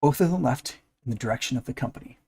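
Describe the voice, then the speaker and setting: A man streams a visual novel, reading the story aloud and doing character voices for the dialogue. His mid-range voice is fast, gravelly and husky, with a darkish tone and lively intonation. Music plays beneath him.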